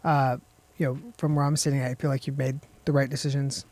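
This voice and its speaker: A man's voice: medium pitch, level tone, fairly quick, a little mellow, no room sound. A man hosting a casual interview podcast, friendly and filling his talk with frequent "uh"s. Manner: friendly, filler-heavy with frequent "uh". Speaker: podcast host.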